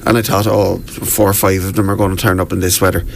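Low-voiced Wexford Irishman over background noise. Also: flat delivery, fast. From Wexford, southeast Ireland. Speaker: walking tour guide, interview guest. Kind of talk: conversational radio interview. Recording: clearly noisy background.

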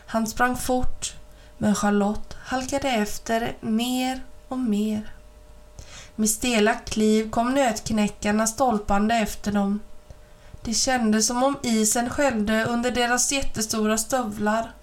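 A woman's voice: fairly high pitch, steady tone. Woman reading a children's story. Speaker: reader.

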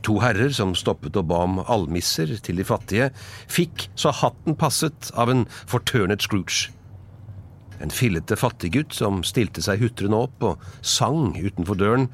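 A man reading a classic story aloud as narrator, telling it in an expressive storybook way. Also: fairly low pitch.

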